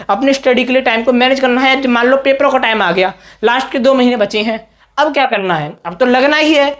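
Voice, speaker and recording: In a whiteboard study-tips lesson, a young man with a very high voice coaches students directly. He frequently checks in with "okay" and "theek hai," and the recording has its highs cut off.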